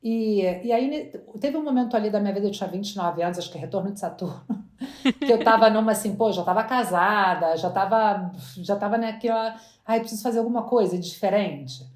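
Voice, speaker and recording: A Brazilian woman in her 40s, a guest entrepreneur, chats casually in an interview, often restarting her words. Her mid-range voice is darkish in tone and a little fast, and the recording has a roomy echo.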